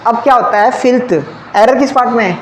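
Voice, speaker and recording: A man's voice: very high voice, steady tone, brisk. A man teaching an exam-prep grammar lesson in a classroom, asking questions and answering them himself and checking often whether the class has understood. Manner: checks often with "clear?" and "okay". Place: classroom with ceiling fans. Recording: echoey room, faint background hum.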